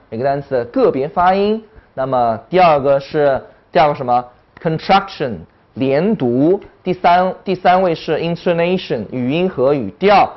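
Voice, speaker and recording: A woman teaching an online English lesson, talking in an animated way and demonstrating tones with her voice. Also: low voice, muffled recording.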